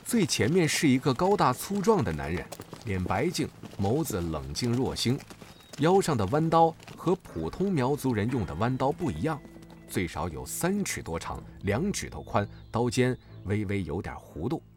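Male storyteller with lively pitch. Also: normal speed, faint music behind. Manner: dramatic, rising for action scenes. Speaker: narrator. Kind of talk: storytelling narration.

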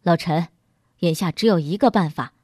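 A woman voicing a brusque, hurried middle-aged businessman in a storybook reading, with a lowered, loud, blunt delivery. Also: slightly rough, no room sound, clean studio sound.

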